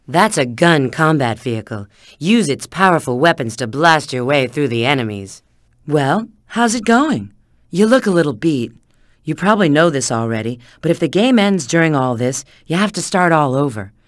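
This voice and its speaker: Casting: a sly, self-assured female bat spy for a video game; coy instructive delivery, very animated intonation, dry close sound. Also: sits low, moderate pace, dry recording. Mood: coolly instructive, then teasing, lively. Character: sly, confident adult female bat spy, helpful sidekick. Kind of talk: video game character hint lines.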